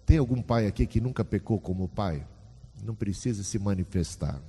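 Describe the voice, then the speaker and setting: A man's voice: on the low side, moderate pace, mellow, slightly rough, big-room sound. A man preaching a sermon in a conversational way, often asking the congregation questions. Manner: conversational, asks the audience questions.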